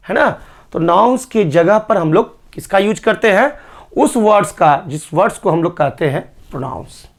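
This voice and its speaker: A man teaching a grammar lesson, spelling words out letter by letter. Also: sits high. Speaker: English teacher.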